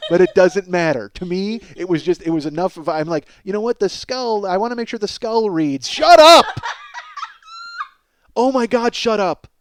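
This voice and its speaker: A middle-aged American comedian and podcast host with a high voice launches into a casual, profane comic rant. His intonation is lively and his pace moderate, with slight background noise, as he sounds exasperated and self-mocking and calls his listeners "folks."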